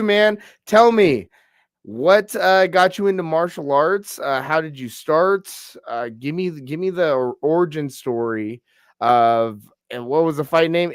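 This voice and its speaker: On the high side with lively intonation, a young man talks at a measured pace in smooth, studio-quality audio with no room sound. He hosts a casual combat-sports podcast interview, relaxed and a little stuffy from a cold, and peppers his talk with fillers and "bro." He comes from the Pacific Northwest in the US.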